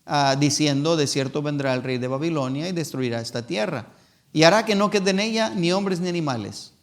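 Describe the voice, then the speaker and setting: A man preaching a sermon as an evangelist in a church, reading scripture slowly and acting out excuses in a raised voice. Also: on the high side. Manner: reads scripture slowly and deliberately.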